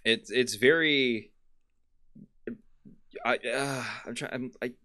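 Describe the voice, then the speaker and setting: A man's voice: medium pitch, takes it slowly, bright, forceful tone. A man co-hosting a casual podcast chat, joking and laughing, often stalling and restarting his sentences. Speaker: podcast co-host.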